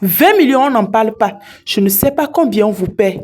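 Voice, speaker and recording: A woman's voice: a little high, expressive, moderate pace, a little mellow. A woman doing an arrogant rich man. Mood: boastful. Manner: boastful, pressing.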